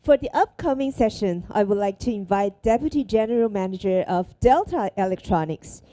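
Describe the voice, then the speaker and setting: A woman acting as conference MC, making formal, measured, scripted stage introductions. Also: medium pitch, mellow, no echo.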